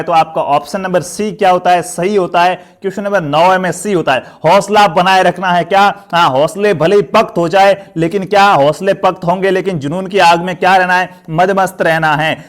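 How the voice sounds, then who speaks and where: High-voiced man teaching a grammar class. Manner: asks questions and answers them himself, encouraging. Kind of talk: live online grammar class.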